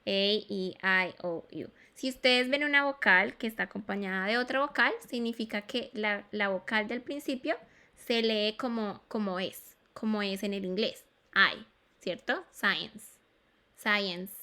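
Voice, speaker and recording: A woman's voice: a little high, moderate pace, sharp tone, clean tone. A woman teaching an English class in Spanish, patiently repeating sounds and checking that students follow. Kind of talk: online class explanation.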